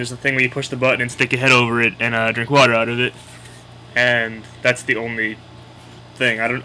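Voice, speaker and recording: A man's voice: mid-range voice, sharp tone, slight background noise, poor audio. A man with a Boston accent casually explaining local slang in a blunt, opinionated, sweary way. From Boston area, United States.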